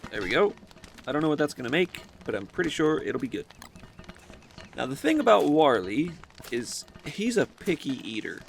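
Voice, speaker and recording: Lively-voiced man rambling over a game. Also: on the high side, normal speed, creaky, a little hiss or hum. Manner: rambling, muses aloud and corrects himself. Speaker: gaming video host. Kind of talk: casual let's-play commentary.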